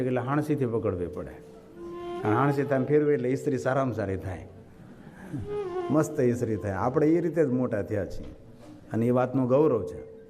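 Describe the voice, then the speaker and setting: A man's voice: medium pitch, dark tone, big-room sound. A man with a Gujarati accent telling a devotional story as a religious storyteller, voicing the people in the tale as he goes. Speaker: kathakar storyteller.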